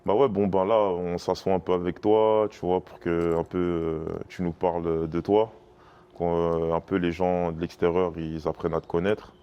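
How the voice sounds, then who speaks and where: A man's voice: deep voice, flat delivery, normal speed, smooth, muffled recording. A man interviewing a player casually, with long, rambling questions. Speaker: interviewer and scout.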